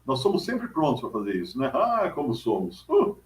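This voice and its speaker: A man gives a Bible reflection in a relaxed, chatty storytelling manner, often tossing in little tags. His voice sits at an ordinary middle pitch. The room around him is echoey. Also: normal speed. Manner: conversational, storytelling, frequent "né?". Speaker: Bible teacher. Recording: roomy echo.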